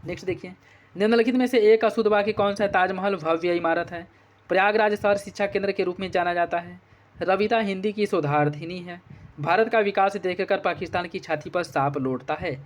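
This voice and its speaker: Male exam tutor, somewhat high voice, methodical and repetitive in his explanations. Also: fairly quick. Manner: repeats answers with "ठीक है" checks. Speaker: exam prep teacher. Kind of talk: explaining test answers.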